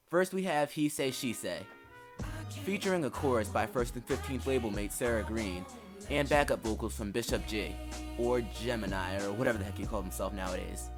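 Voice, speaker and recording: A young man giving a scripted, earnest album review with dry asides, hosting his own video. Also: medium pitch. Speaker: music reviewer. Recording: faint music bed behind voice.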